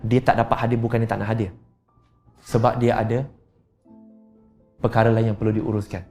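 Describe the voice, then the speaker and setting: A man with a Malaysian accent giving a religious lecture, animated and mixing in English phrases. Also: fairly low pitch, brisk, faint music behind. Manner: animated, mixes in English phrases, acts out dialogues. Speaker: preacher.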